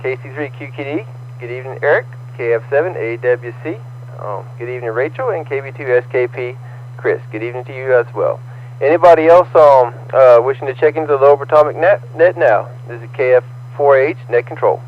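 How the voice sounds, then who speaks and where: A man's voice: medium pitch, slight background noise. Man on a tinny ham radio transmission. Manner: halting, many ums and uhs. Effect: heard over a ham radio transmission. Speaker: net control operator of a ham radio net. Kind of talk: ham radio net check-ins and trivia.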